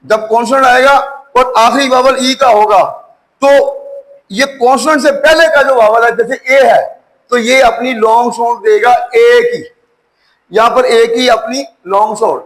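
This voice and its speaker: A man giving an English phonics lecture, explaining slowly and spelling words out letter by letter. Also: extremely high pitch, steady tone, fairly bright tone, low-quality recording. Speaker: English teacher.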